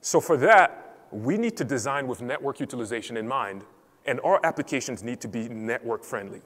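A man's voice: mid-range voice, expressive, normal speed, fairly bright tone. A man from Cameroon giving a structured technical talk on a conference stage. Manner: clear, structured presenting. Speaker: conference speaker. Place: large conference hall stage. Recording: reverberant conference hall.

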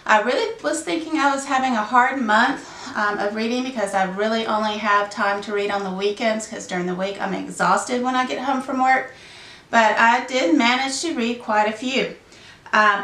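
Sitting in a room at home with bookshelves behind her, a book vlogger in her thirties chats casually through her monthly reading wrap-up while battling a sinus cold. Her slightly high voice is gravelly yet bright, at a moderate pace, and she rambles with lots of ums and self-corrections. The camera mic sits a bit distant, giving roomy echo.

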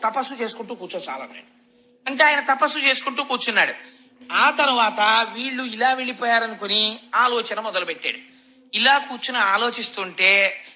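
A woman giving a devotional discourse on scripture. She tells the story in an animated way and keeps asking and answering her own questions. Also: on the high side, rough recording.

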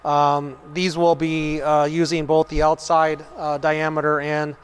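On a tour of a large machine shop, a middle-aged company manager explains the processes in a matter-of-fact way, often saying um and uh. His voice is somewhat high, monotone and a little slow. It's recorded on a lapel mic with slight background noise.

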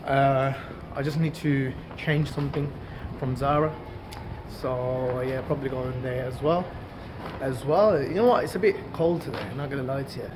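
A vlogger in his twenties from Hong Kong talks casually to a handheld camera held at arm's length, first in a small indoor room and then on an outdoor walkway. His mid-range voice moves at normal speed against background noise, and he's chatty, repeating words as he greets his viewers and calls them "guys."

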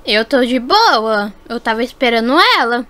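A woman's voice: fairly high pitch, moderate pace, fairly bright tone, close to an everyday voice. A Brazilian woman voicing a carefree teenage prankster girl in a game roleplay story, laid-back and teasing.

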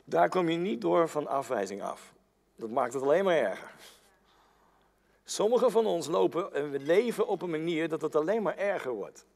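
Animated, slightly hoarse man preaching. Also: a little high, normal speed. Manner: earnest, repetitive restarts, animated delivery. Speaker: pastor. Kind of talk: sermon. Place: church hall. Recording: long church-hall reverb.

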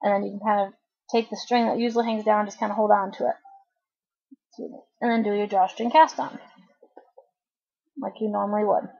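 A woman with a slightly husky, breathy voice walks through a loom-knitting project in a chatty, informal way. She speaks at a mid pitch, often correcting herself as she works with her hands. The sound is muffled and lo-fi, like an old home video made on a camera mic. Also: steady tone, a little fast, long pauses, darkish tone. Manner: chatty, informal, self-correcting, talks while working hands-on. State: cough drop in her mouth. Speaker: craft tutorial host. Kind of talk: casual step-by-step tutorial.

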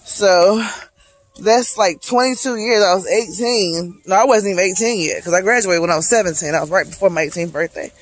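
A late-thirties vlogger from Charlotte, North Carolina talks a little fast in a medium-pitched voice while hiking a wooded trail outdoors. She holds her phone at arm's length, chats reflectively and motivationally with "y'all," and the recording has no echo.

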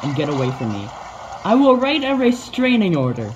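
Woman, low voice, gameplay commentator, playful and self-mocking, excited yelps; slightly dull recording. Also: normal speed, slight background noise.

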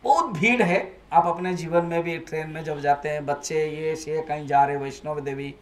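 This swami's a little high voice holds a steady tone at a moderate pace, and the recording is reverberant. He's leading a home gathering in a private residence, posing questions to listeners and getting them to repeat after him. His Hindi discourse on spiritual matters is sprinkled with English words.

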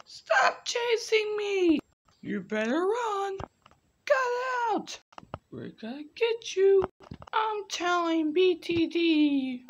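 Young male doing a squeaky little dinosaur kid. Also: big pitch swings, takes it slowly, a little hiss or hum, full character voice. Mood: pestering. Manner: squeaky, exclaiming. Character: small excitable young dinosaur kids, squealing. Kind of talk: improvised toy dinosaur play.

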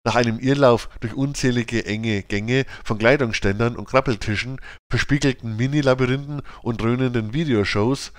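A man narrates a children's audiobook in an even, clear manner, his voice sitting in a middle register. The recording is very dry and close, with no room sound. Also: medium pitch, normal speed, few pauses, no echo.

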